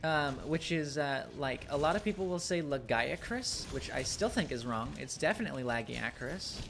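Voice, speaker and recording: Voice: medium pitch, animated, moderate pace, creaky, noisy background. A streamer chatting casually while playing, rambling with lots of ums and small laughs. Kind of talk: casual chat while gaming.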